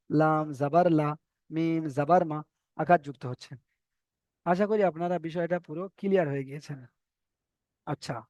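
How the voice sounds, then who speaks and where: Guy teaching arabic letters online, highish voice, says every sound twice, slow and patient, dry close mic. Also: a little mellow, no echo, dull audio. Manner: slow drilling of letter sounds, repeating each pair. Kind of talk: online Quran reading lesson.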